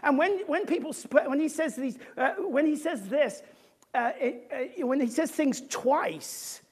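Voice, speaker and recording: Animated woman preaching a sermon. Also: sits high, a little slow. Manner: emphatic, explanatory, conversational asides.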